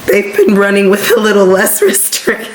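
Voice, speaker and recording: A young adult woman chatting casually in a home vlog, her voice somewhat hoarse. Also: medium pitch, flat delivery, moderate pace, roomy sound, slight background noise. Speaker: vlogger and mother.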